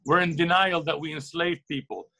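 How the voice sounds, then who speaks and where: Gravelly and sharp, his slightly high voice holds a steady tone at a normal speed. He's a middle-aged interview guest from Lebanon who owns a record shop, and he speaks earnestly and reflectively, sharing opinions while often repeating and rephrasing words for emphasis.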